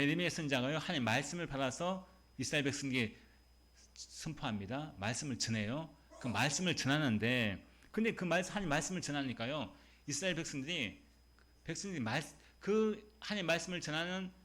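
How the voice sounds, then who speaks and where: Lively-voiced pastor preaching. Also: male voice, mid-range voice. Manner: emphatic, repeats words, asks the congregation questions. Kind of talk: sermon. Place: church sanctuary.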